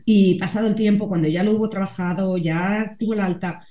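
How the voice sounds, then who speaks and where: A woman's voice: medium pitch, fairly even intonation, fairly quick. Reflective middle-aged woman, roomy sound. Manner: reflective, frequent tag questions. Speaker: guest, columnist and mother. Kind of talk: conversational interview. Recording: roomy, slightly dull sound.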